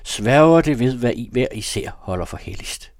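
A man's voice: fairly low pitch, lively intonation, a little mellow, no echo, studio quality. A man reading aloud, voicing a desperate young wife who accuses her husband in an impassioned, pleading way. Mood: accusing.

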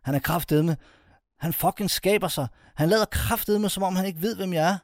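A man voicing a volatile, drugged male gang boss who curses and yells furious orders. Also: high-pitched, dry recording, studio quality, voice pushed up. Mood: ranting. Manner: furious cursing, shouting.

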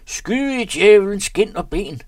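A man voicing a commanding older country nobleman who barks orders in a loud, raised voice. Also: mid-range voice, slightly rough, no room sound, studio quality, close to an everyday voice. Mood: shouting.

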